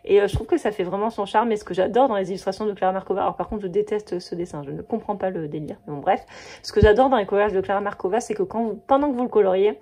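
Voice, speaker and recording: A woman in her thirties talks casually to her camera in a mellow, slightly husky voice. She gushes freely about what she loves, filling her talk with fillers and small restarts. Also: medium pitch, racing. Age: 30s. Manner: chatty, gushing, many fillers and restarts. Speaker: coloring book vlogger. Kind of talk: casual chat.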